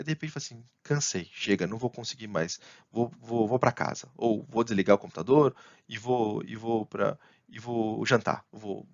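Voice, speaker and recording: A man presents a talk at a tech conference. His voice sits at an ordinary middle pitch and sounds dry and close, with a slightly dull, muffled tone. He speaks with restarts and fillers and lifts his voice sharply when he acts out what colleagues say. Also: no echo. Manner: animated, acts out colleagues' lines in a raised voice.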